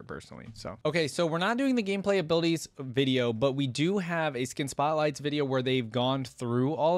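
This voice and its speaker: With a mid-range voice and no audible room sound, this young man records reaction commentary at his gaming setup indoors. He's casual and informal, thinking out loud and reading snippets into a close desk microphone while wearing a headset.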